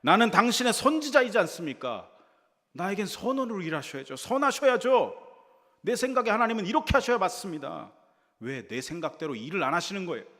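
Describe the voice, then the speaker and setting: Man playing a self-righteous prophet, high insistent protest, loud, hall echo. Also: big pitch swings, brisk, exaggerated voice. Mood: defiant. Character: defiant, self-righteous male prophet arguing with God. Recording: reverberant church hall.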